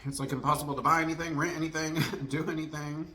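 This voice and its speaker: A man with a slightly high, bright voice talks casually to his viewers. He rambles and vents candidly, like a food vlogger telling stories over a meal. The room is echoey, with a little background noise. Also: flat delivery, fast talker. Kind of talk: casual mukbang storytime chat to camera.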